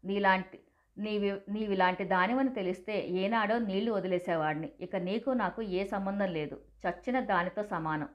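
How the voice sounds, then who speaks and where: A grown son boils over with rage, his speech loud, harsh and full of scorn, as a woman storyteller puts him on. The sound is a touch dull and lo-fi. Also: mid-range voice, moderate pace, lightly acted. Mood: furious, scornful. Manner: shouting, accusing.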